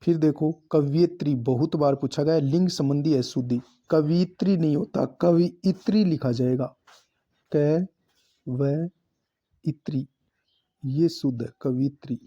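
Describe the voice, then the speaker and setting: A man gives a grammar lesson at an unhurried pace, repeating each word and saying which form is correct. His voice sits a bit high but sounds soft and dark in tone. The recording is dull and lo-fi. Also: husky. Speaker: teacher. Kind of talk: exam-prep grammar lesson.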